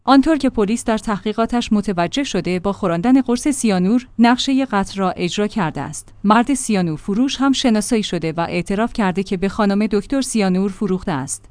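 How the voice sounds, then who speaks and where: A woman reading a crime news report in a measured, formal narration. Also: mid-range voice, a little mellow, no room sound.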